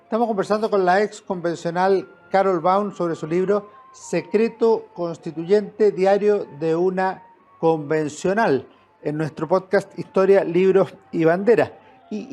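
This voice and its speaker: Male podcast host, high yet mellow voice, formal and measured, faint music underneath. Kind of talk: interview questions.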